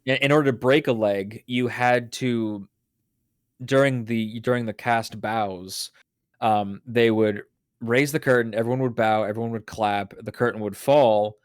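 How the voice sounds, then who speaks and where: A man running a tabletop game, chatting casually with his players and spinning out a bit of trivia with plenty of restarts. His voice is mid-pitched and sits dry and close, with no room around it. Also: fairly even intonation, a little slow, clear, resonant tone, no echo. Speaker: game master. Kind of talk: casual chat among players.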